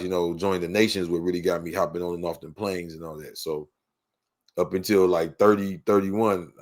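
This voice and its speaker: Middle-aged LA man, very deep voice, interview guest, loose and rambling. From Los Angeles. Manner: laid-back and rambling, heavy on "you know what I'm saying". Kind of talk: casual interview talk.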